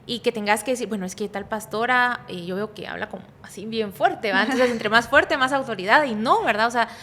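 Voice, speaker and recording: A Guatemalan woman pastor chats casually on a podcast in a slightly high, brisk voice, rambling, cutting herself off, and tacking little tag questions onto her phrases. She calls her own way of talking soft but energetic. The studio podcast mic sits at a distance.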